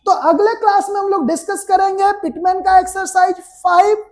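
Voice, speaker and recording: A woman teaching shorthand with an Indian Hindi accent lectures her class step by step, firing quick questions at her students. Her voice is extremely high, with fairly even intonation and a darkish tone.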